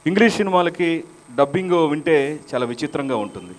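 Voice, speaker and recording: A man's voice: a little high, animated, brisk. A man, a mimicry artist, chatting on stage to set up his impressions. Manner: chatty, sets up each impression. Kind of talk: stage patter between impressions.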